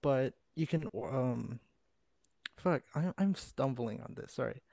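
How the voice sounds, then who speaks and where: A man's voice: mid-range voice, expressive, slow pace, gravelly, dark tone, no echo. Exasperated young man ranting on a podcast. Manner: rambling, exasperated, stumbles and restarts. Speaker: podcast host. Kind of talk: casual podcast chat.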